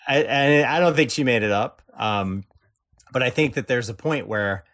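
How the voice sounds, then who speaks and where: A man's voice: medium pitch, normal speed, fairly bright tone. A man talking casually as a podcast guest, rambling with lots of fillers and restarts. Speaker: podcast guest, enrollment strategist. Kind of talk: casual conversational chat.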